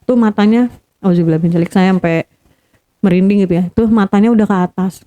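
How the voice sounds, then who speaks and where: A woman's voice: mid-range voice, fast talker, mellow. A woman guest telling a painful family story in earnest first-person detail, repeating key points for emphasis. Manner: earnest, re-enacts quoted dialogue, repeats for emphasis.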